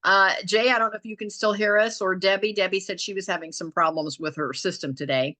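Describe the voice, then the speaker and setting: A woman's voice: medium pitch, fairly even intonation, brisk, bright, forceful tone. A woman hosting an online group meeting on a video call, friendly and encouraging as she calls on people. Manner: friendly, encouraging, laughs easily.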